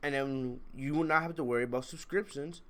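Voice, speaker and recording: A man with a medium-pitched, congested voice, sick with a cold, hosts a casual wrestling review livestream, chatting to viewers. He speaks a little fast and gives blunt, emphatic, opinionated commentary.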